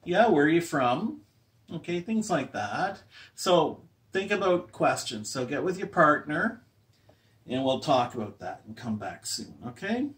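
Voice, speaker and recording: Slow, patient man teaching a class. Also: fairly high pitch, very animated, a bit bright, distant mic. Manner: slow, patient, checks in with "any questions?". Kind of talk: classroom lesson to language learners.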